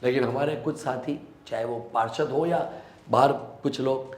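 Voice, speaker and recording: A man's voice: medium pitch, normal speed, darkish tone, reverberant. A man from Rajasthan, a local politician, giving earnest, emphatic answers in a sit-down interview.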